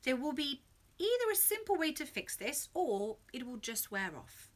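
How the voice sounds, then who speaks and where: A woman voicing a calm, reassuring older grandmother in a read-aloud children's story. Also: sits high, normal speed, pitched above the performer's own voice.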